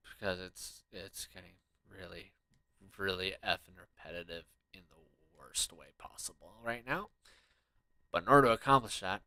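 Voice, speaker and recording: A man's voice: low-pitched, sharp tone, smooth, no room sound. Casual, muttering man playing a game. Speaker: gamer playing and commenting on a game. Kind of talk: casual gameplay commentary.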